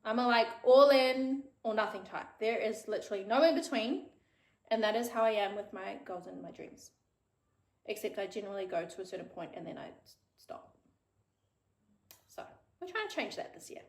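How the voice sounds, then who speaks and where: The recording is low quality and reverberant, carrying a woman's mid-range voice at a normal speed. She's in her thirties with a New Zealand accent, hosting her own podcast and chatting alone, frank, casual and sweary.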